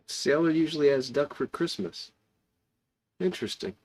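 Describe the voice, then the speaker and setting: Gravelly man chatting casually. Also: fairly high pitch, normal speed, a little mellow. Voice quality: gravelly, creaky voice. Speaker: host of an online pipe club. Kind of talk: casual chat reading and answering viewer comments.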